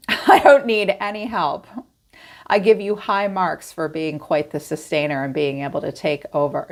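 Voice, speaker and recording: Addressing her audience head-on, a middle-aged woman gives an informal tarot reading in a fairly low voice, lively and talkative as she voices their inner thoughts.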